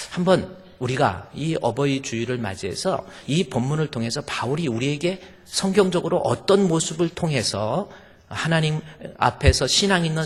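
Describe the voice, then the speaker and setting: Slightly rough and mid-range, a male pastor's voice carries through a reverberant church sanctuary. He addresses his congregation with an emphatic sermon full of rhetorical questions.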